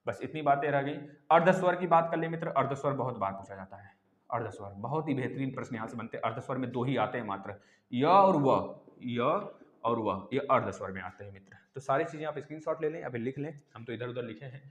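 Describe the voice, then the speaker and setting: A man teaching an online exam-prep lesson, animated, sounding out letters aloud and calling his listeners friends. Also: medium pitch, fast. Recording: echoey room with long reverb.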